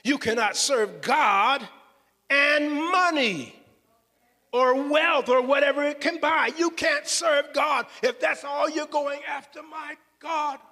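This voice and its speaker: A man's voice: extremely high pitch, slow pace, sharp tone. A man preaching a sermon fervently, often calling out hallelujah and repeating his words. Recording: long hall reverb.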